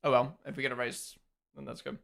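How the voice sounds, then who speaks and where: A man's voice: medium pitch, little pitch movement, fast, creaky, a bit bright. Chatty New man hosting a stream. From New Zealand. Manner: chatty, loose and swearing. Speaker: live stream host. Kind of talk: casual live watch-along chat.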